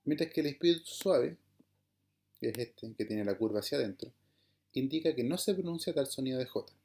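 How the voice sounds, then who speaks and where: Teaching Greek in an online class, a man speaks briskly in a dark, mellow, middling-pitched voice, explaining each point step by step. Patient and explanatory, he keeps checking that listeners follow with "¿verdad?" and "¿bien?".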